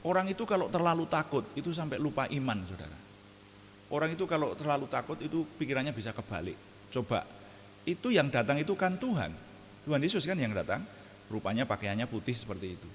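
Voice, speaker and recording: A man preaching an evening prayer sermon, animated and jokey, often laughing at his own asides. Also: mid-range voice, fast talker, long reverb tail, a little hiss or hum.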